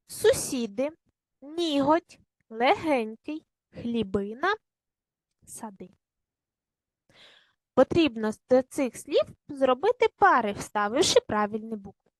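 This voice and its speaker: A woman teaching young children in a video lesson, speaking slowly and clearly, asking questions and praising the answers. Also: high-pitched, a little mellow, dry recording, poor audio. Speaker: primary school teacher.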